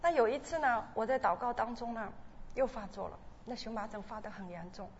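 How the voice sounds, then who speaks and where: A woman giving an earnest, emotional church testimony, often halting and restarting as she speaks. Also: a little high, a little hiss or hum. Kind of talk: personal testimony. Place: church hall. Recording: dull sound in a large reverberant hall with faint ambience.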